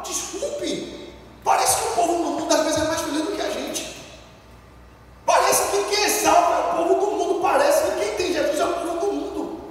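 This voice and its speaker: Brazilian male preacher, fervent and rousing, very high-pitched, recorded from far off in a big echoey hall. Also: a little hiss or hum. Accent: Brazilian Portuguese. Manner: fervent, leads call-and-response, bursts into shouts. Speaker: pastor. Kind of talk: lively sermon. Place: church hall.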